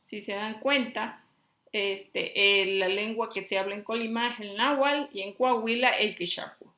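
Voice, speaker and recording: Slow, bright-voiced Mexican woman teaching. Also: medium pitch, steady tone. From Chiapas, Mexico. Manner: reads lists slowly, checks in with "¿sí?". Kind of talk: classroom lesson. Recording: echoey room.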